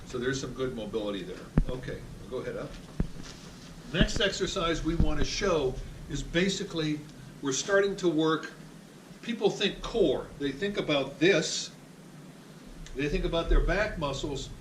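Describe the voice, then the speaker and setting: A man's voice: a little high, lively intonation, normal speed, a little hiss or hum. A man working as a physical therapist, guiding someone through exercises in a plain-spoken, upbeat, joking manner. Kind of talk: exercise demonstration. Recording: echoey room, voice from a distance.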